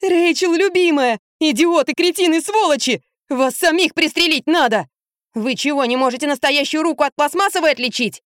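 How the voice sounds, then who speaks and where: A woman voicing an excitable, cheeky young boy who shrieks and wails when upset, in an audiobook reading. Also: mid-range voice, moderate pace, clear, resonant tone, no room sound, clean studio sound, lightly acted. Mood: shrieking outrage. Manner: shrieking, wailing in outrage. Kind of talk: audiobook character voice.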